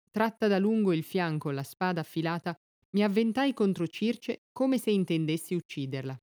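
A woman narrator reading epic poetry aloud in a measured, steady, formal manner. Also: fairly low pitch, no echo, studio quality.

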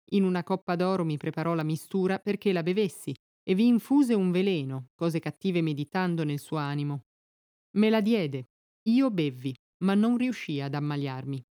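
A woman narrator reads epic poetry aloud, steady and measured. Her voice is low and mellow, with a formal cadence. The recording is dry and close. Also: no echo.

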